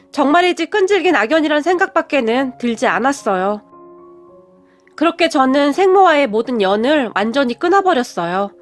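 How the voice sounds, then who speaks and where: A woman giving a scripted first-person story narration in an even, storytelling way. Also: high-pitched.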